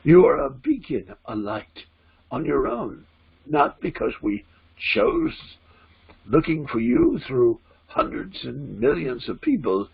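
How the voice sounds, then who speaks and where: Man channeling a solemn spirit teacher, very raspy, swooping intonation, halting deliberate phrases, spiritual address. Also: medium pitch, huge pitch swings, heavily acted. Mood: solemn, instructive. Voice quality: husky, creaky. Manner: halting, deliberate phrasing with repetition and formal wording. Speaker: trance channeler giving spiritual guidance. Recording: dull, lo-fi sound.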